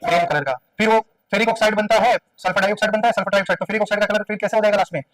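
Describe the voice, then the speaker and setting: A man's voice: sits high, steady tone, very fast, a bit bright, no room sound, far from the mic, low-quality recording. A man teaching a chemistry class, firing questions at his students and repeating answers call-and-response style. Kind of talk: classroom lecture. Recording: dry room sound, voice away from the mic.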